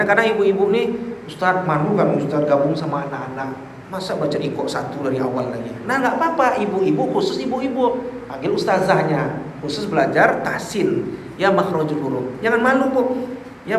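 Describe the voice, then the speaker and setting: Lively high-voiced man preaching in an echoey hall. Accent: Indonesian. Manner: lively, acts out quotes, addresses listeners directly. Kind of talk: sermon to a women's study group. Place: mosque hall. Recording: echoey hall, faint background noise.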